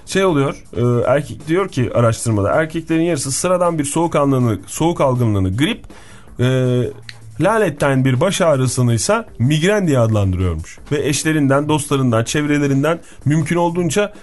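A man's voice: a little high, animated, moderate pace, a little mellow. A man co-hosting a radio morning show, chatting playfully about news stories. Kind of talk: casual studio banter.

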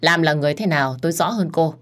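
A woman's voice: sits low, fast, lightly acted. Woman doing a contemptuous angry husband, harsh delivery.

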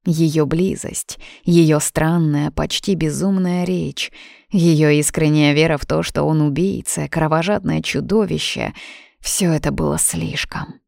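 Low, gravelly woman reading a story. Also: measured pace, no room sound, clean studio sound. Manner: calm, even literary reading. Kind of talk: reading a fairy tale aloud.

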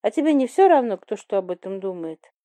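A woman's voice: medium pitch, sing-song, brisk, dark tone, no room sound, natural voice. A woman voicing a flippant, teasing young sister. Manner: playful, offhand, mocking.

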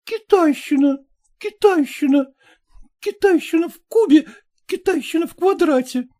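A man's voice: very high-pitched, lively intonation. A man voicing a petulant, hysterical young bride, reading a story aloud with sulky, ironic outbursts. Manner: sulky, ironic, quick to shout. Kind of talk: audiobook character voice.

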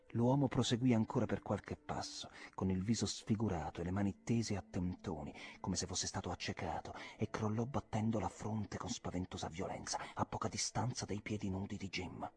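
A man reading a classic novel aloud, with a measured and expressive delivery. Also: on the low side. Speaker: reader. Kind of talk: audiobook narration.

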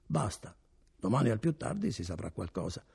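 A man voicing a resentful country tavern patron, grumbling and emphatic, with a husky gravelly voice, in an audiobook. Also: lowish voice, very animated, normal speed, darkish tone, full character voice. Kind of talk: audiobook character reading.

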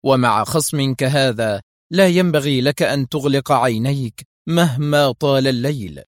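A man narrating a thriller audiobook in a dramatic, measured storytelling style. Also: medium pitch, no room sound, studio quality.

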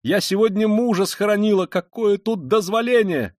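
A man reading an audiobook voices a feverish, consumptive noblewoman who is proud and hysterical, with a shrill and frantic manner. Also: fast, no room sound, clean studio sound, natural voice.

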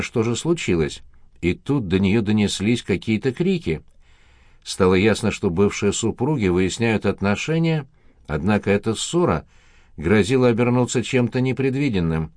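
A man with a low voice reads a story in a steady, measured narration. The recording is close and dry, with no room sound. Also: no echo.

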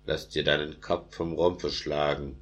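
Storybook tsar, commanding and solemn, read by a man, very low and flat. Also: measured pace. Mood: stern. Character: great orthodox tsar, stern older man.

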